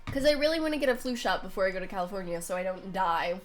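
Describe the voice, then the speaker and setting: A young woman livestreams a game, reading it aloud and chatting in an informal, rambling, self-deprecating way. Her mid-range voice sounds congested and nasal, as if she's pinching her nose from a cold, and she talks in an animated, racing rush over soft background music.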